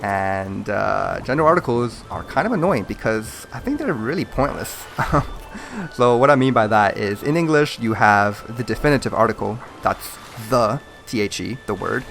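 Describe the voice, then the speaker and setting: Gravelly low-voiced man chatting casually. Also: expressive, moderate pace, fairly bright tone, a little hiss or hum. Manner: rambling, chatty, with frequent fillers and chuckles. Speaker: gaming channel host. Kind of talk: casual chat over gameplay.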